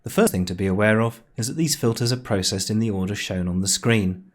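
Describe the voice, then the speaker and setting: A man narrates an informal screencast tutorial in a lowish voice, speaking a little fast. He's conversational and explanatory, with wry understatement. The voice-over was recorded near a computer in a home room.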